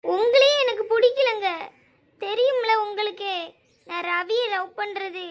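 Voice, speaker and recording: A woman's voice: extremely high pitch, normal speed, pushed and bright. A woman voicing a tearful, stubborn young woman in a cartoon, with a Thoothukudi Tamil accent, refusing firmly. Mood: tearful defiant.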